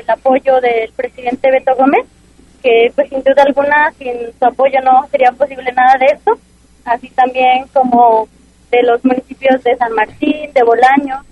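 A woman's voice: high-pitched, dry recording, dull audio. A Mexican woman in her twenties, a football player giving brief, polite answers in a phone interview. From Jalisco, Mexico. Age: 20s.

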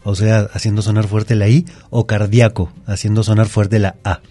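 A man's voice: on the low side, flat delivery, a little fast, warm tone, dry recording. A man, a grammar teacher patiently explaining spelling rules as a guest in a radio studio. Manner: patient, methodical, repeats examples.

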